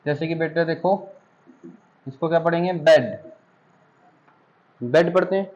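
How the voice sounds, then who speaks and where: A man's voice: fairly high pitch, a little slow, darkish tone, dull audio. A middle-aged man from India teaching a spoken English class, patiently stretching out example words and calling his students "beta".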